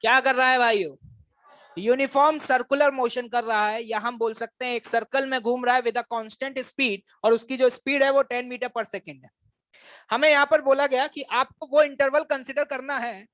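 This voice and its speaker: A man's voice: extremely high pitch, fairly even intonation, normal speed, a bit bright, no echo. A male physics teacher giving a classroom lecture, quizzing and teasing his students and calling them brothers.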